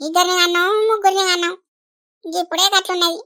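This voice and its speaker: A woman voicing a shrill chatty village aunty. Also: flat delivery, fast talker, bright, forceful tone, full character voice. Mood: chiding chat. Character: talkative older village woman, fretful and caring. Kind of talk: animated village comedy voice acting.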